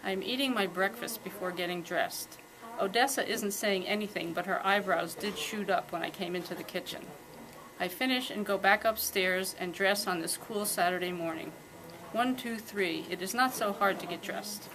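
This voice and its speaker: A woman reading her own first-person fiction aloud at a live reading, with calm, steady storytelling. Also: mid-range voice, moderate pace, crowd noise, poor audio.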